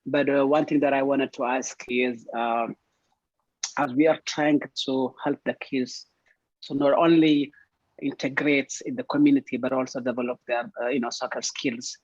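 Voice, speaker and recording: Husky man from Ethiopia on a call. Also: medium pitch, level tone, normal speed, no echo. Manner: hesitant, many fillers. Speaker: webinar attendee. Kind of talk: video call question. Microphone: video call. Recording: dull lo-fi call audio.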